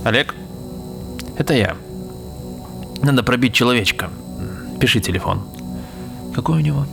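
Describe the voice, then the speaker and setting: An actor playing a brisk, practical and suspicious male security officer giving orders in a naturalistic drama. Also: medium pitch, expressive, creaky, loud music behind the voice. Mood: commanding, urgent.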